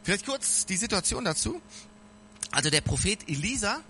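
A man's voice: high-pitched, very animated, normal speed, bright, forceful tone, slight background noise. A man giving an informal sermon, talking straight to his listeners in a casual, earnest way. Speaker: preacher.

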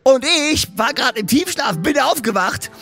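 A middle-aged German pastor preaching a sermon, animated and storytelling, shifting between loud and soft. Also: male voice, extremely high pitch, normal speed, gravelly, soft background music.

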